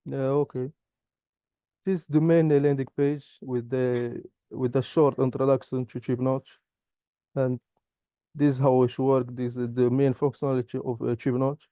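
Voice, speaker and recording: Halting, dark-voiced man from Morocco. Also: medium pitch, little pitch movement, no room sound, clean studio sound. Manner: halting non-native English, many "uh" pauses. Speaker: software engineering graduate. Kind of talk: interview answers and product demo.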